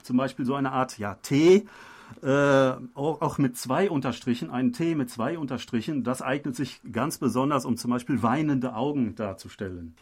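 A man co-hosting a radio program, explaining in conversation and often pausing on filler sounds. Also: medium pitch, darkish tone. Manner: hesitant, many filler sounds.

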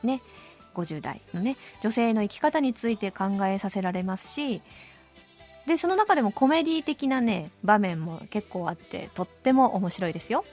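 A woman in her late thirties hosting a radio show, reading listener letters and answering them in a cheerful, animated chat. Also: mid-range voice, moderate pace, faint music behind. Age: late 30s. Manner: cheerful, animated, laughing often. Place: radio studio.

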